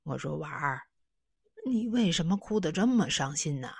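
A woman voicing a kindly old man, soft and low. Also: animated, moderate pace, vocal fry, husky, no room sound, studio quality, heavily acted. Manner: gentle, reassuring. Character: kindly thin old man in a tall hat.

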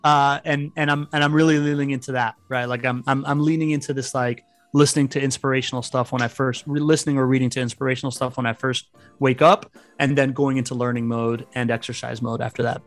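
Talking fast in a mid-range, level voice, this thirtysomething podcast guest of Venezuelan heritage, who grew up abroad, chats casually and rambles through stories with frequent restarts. Soft music plays in the background.

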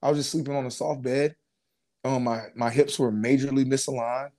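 In a brisk, medium-pitched voice, a twenty-something ex-pro football player tells his story during a casual interview. He keeps it relaxed, with slang throughout and many fillers and fresh starts.

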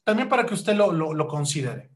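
A man preaching a sermon, asking rhetorical questions and addressing the congregation as brothers, with loud rising bursts and slow deliberate stretches. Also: fairly high pitch, sing-song, slight background noise. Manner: rhetorical questions, keeps calling hearers "hermanos". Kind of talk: sermon teaching.

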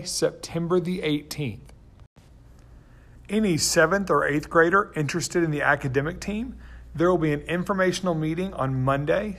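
A man reading out a school's morning announcements in an upbeat, clear, scripted way. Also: on the high side.

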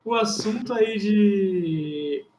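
Glitchy high-pitched guy. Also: drawn-out words, echoey room, a crowd in the background, poor audio. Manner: laid-back, slangy banter. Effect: glitchy online call audio with jumping pitch. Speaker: podcast co-host. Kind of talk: casual chat.

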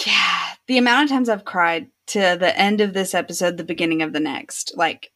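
A woman's voice: on the low side, moderate pace, fairly bright tone. A woman co-hosting a podcast, chatting casually and laughing often in an easygoing way. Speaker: podcast co-host. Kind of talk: casual chat about a TV episode.

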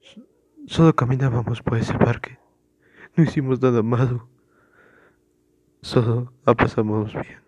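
A man's voice: mid-range voice, measured pace, pauses often, dry recording, close to an everyday voice. Man voicing a hysterical suspect under interrogation. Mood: frightened. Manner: stammering, pleading, rising to frantic shouts. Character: terrified man under police questioning, hysterical.

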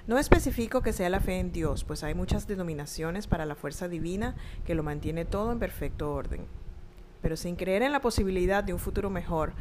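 A woman narrating a scripted, reflective text in a measured, thoughtful way. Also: lowish voice, noisy background. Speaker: narrator reading her own reflective text.

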